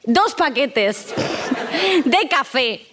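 A young woman co-hosting a casual chat podcast, animated and sarcastic, laughing often. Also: high-pitched, very slow, a little hiss or hum. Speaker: podcast co-host.

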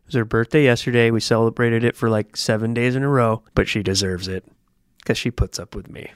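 A man co-hosting a golf podcast, talking in a blunt, profane, animated way. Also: medium pitch, a little fast, clear, resonant tone, no room sound, clean studio sound. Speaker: podcast co-host. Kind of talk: casual chat.

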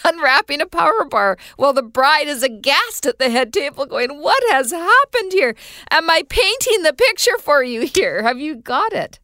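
A woman's voice: sits high, sharp tone, no echo. A woman co-hosting a podcast from a small studio, emphatic and teasing as she acts out scenes. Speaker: podcast co-host. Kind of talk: casual chat.

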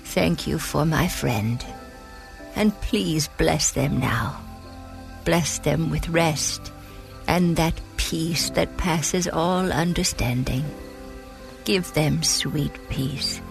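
A woman playing a kindly, folksy, devout elderly granny in a gentle, unhurried bedtime sleep story. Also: low-pitched, vocal fry, faint music behind, exaggerated voice. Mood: prayerful, tender. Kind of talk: scripted sleep story narration in character.

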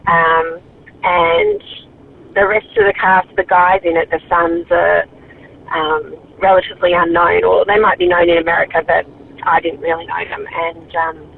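A woman's voice: on the low side, normal speed, vocal fry. An Australian woman calling in from her car, leaving a hesitant voicemail recommendation over a phone line, with plenty of ums and restarts. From Victoria, Australia. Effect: heard over a phone line. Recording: tinny phone line with faint noise.

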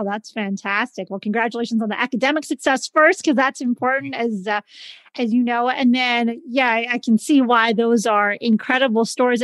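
Female host, slightly high, encouraging tone, dry close mic. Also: fairly bright tone, no echo. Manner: encouraging, affirming. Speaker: show host. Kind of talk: interview.

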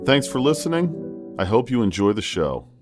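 A man hosting a podcast, a practicing therapist speaking in a calm, measured way. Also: mid-range voice, over loud music. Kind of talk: scripted intro then interview questions.

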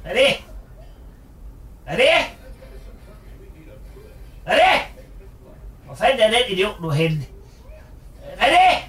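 A man's voice: high-pitched, expressive, fairly bright tone, far from the mic. A man playing a crude, foul-mouthed, bossy mother in a comedy radio sketch, swearing and insulting. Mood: irritated. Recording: roomy echo, off-mic.

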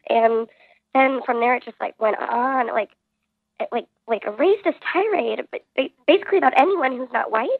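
A woman in her thirties calls in to a radio show with her voice run through a voice changer, talking in a hesitant, halting way. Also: high-pitched, gravelly, dry recording. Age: 30s. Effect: voice changer disguising her voice. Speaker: caller. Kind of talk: radio call-in. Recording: tinny phone line.

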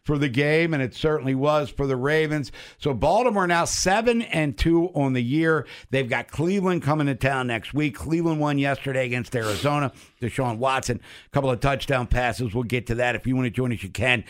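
A man's voice: medium pitch, brisk, hardly any pauses. A middle-aged man hosting casual sports talk radio, speaking without his dentures and lisping slightly. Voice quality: slight lisp.

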